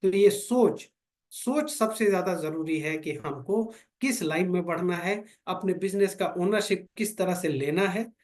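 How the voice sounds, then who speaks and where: Male business trainer with a high voice, preachy, rhetorical, addressing a small group. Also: unhurried, a little mellow. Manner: preachy, asks rhetorical questions, repeats phrases. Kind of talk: motivational training talk. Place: meeting room with fifteen to twenty people.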